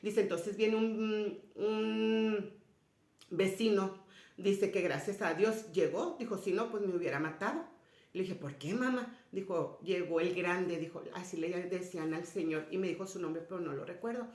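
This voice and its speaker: Woman telling a personal spiritual story to listeners, goes quiet and low when quoting, roomy echo. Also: normal speed. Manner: retells dialogue, often dropping to a soft low voice. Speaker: speaker sharing a personal story. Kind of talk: spiritual personal testimony to an audience. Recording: roomy echoey sound.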